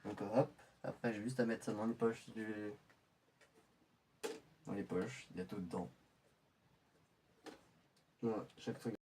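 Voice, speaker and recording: A man's voice: on the low side, fairly even intonation, unhurried, pauses often, recorded from a distance, noisy background, natural voice. A man playing a stammering young infiltrator. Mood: muttering. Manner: stammering, restarting sentences. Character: young male infiltrator preparing a covert mission. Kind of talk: amateur web drama acting.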